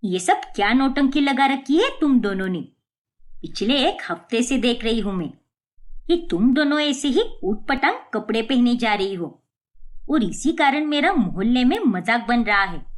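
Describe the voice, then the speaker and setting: A woman voicing a stern middle-aged mother-in-law in a cartoon story, scolding harshly and slowly. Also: a little high, very animated. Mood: angry scolding.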